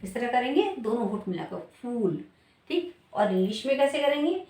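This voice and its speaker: Woman teacher, fairly high voice, explains step by step, asks and answers herself, echoey room, distant mic. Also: lively intonation, a little fast, mellow. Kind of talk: spelling lesson.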